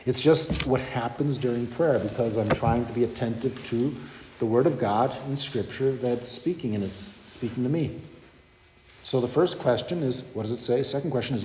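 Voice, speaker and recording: A man preaching a sermon in a relaxed, conversational way, often pausing to check that his listeners follow. His mid-range voice rings through a large, echoey hall with a long reverb tail. Faint room noise sits underneath. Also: mid-range voice. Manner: conversational teaching with frequent "okay?" and "you know".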